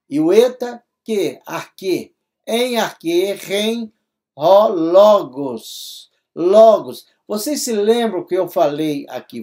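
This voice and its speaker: Guy walking students thru greek letters, slow and patient, keeps asking if they got it, mellow warm voice. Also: sits high. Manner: patient, explains step by step with many checking questions. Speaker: Greek teacher. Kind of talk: recorded classroom lesson.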